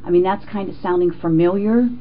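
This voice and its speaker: A woman's voice: lowish voice, brisk. Casting: middle-aged American woman, jittery accused suspect under police questioning, stammering and defensive; dull recording with faint noise. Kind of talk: informal police interrogation interview. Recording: muffled, noisy interrogation room recording.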